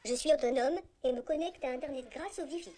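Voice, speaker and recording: A small, polite humanoid robot speaking in a synthetic woman's voice with a high, chirpy tone. It rattles through a scripted self-introduction in an even, mechanical manner. The sound is clearly a machine voice coming from the robot's own speaker on a conference stage. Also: fast. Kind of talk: scripted text-to-speech demo.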